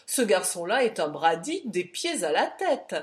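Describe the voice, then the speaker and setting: A woman's voice: mid-range voice, very animated, a little slow. Brief: jovial older uncle, voiced by a woman, hearty and easygoing. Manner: hearty and good-humored. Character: jovial older male uncle, always laughing.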